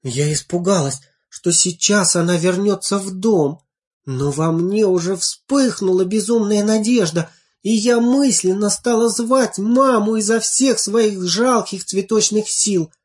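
A woman reading a fairy tale aloud in the first person, tender and expressive. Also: medium pitch, measured pace. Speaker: storyteller. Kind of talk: storybook reading.

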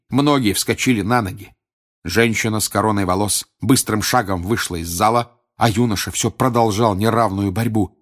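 Male audiobook narrator, fairly low voice, steady and even.

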